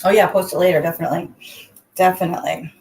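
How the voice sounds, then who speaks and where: A woman's voice: lowish voice, steady tone, quick pace, darkish tone. A woman hosting a casual, chatty livestream from an echoing bathroom, greeting viewers as she goes. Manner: chatty, addresses viewers by name. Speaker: livestream host. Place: indoors, in a bathroom. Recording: echoey bathroom, clear background noise.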